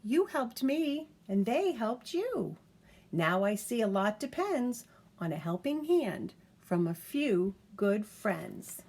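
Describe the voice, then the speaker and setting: A woman playing a big pushy boy dump truck from a storybook, loud and bossy, slow with a bouncy pitch. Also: sing-song, full character voice. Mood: humble.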